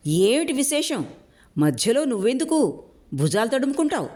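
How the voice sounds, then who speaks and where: A woman's voice: fairly high pitch, very animated, a little slow, a little mellow, voice pushed up. A woman voicing a scheming older village man who mocks and sneers, with a sarcastic delivery. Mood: sneering.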